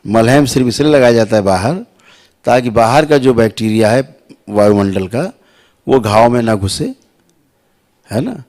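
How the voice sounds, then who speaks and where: A man teaching devotees slowly, repeating sounds to show the right pronunciation and checking that listeners follow. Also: medium pitch, animated, darkish tone. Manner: asks listeners "है ना" and "समझ रहे हैं आप". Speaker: spiritual teacher. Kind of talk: slow spiritual instruction to devotees.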